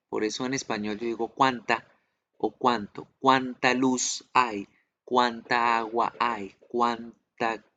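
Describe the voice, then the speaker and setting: Man, English teacher, slow and patient, mid-pitched, muffled online audio. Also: fairly bright tone, slight background noise. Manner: slow, patient explaining, drilling pronunciation aloud. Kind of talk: online class explanation.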